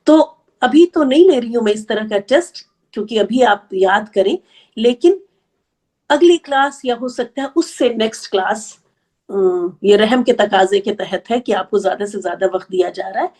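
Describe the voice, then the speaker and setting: A woman teaching an Arabic grammar class, explaining patiently step by step and counting slowly aloud. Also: medium pitch, lively intonation, a little mellow. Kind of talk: online class lecture.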